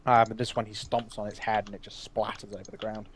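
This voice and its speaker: A man narrating as game master of a tabletop game, pausing often with uh and um. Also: on the low side, level tone, a little hiss or hum. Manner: halting, lots of uh and um.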